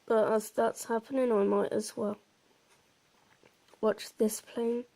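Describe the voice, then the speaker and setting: A woman's fairly high, mellow voice, slightly gravelly, carries a flat, very slow, level delivery as she walks through a game. Her casual explanations meander and hesitate a little.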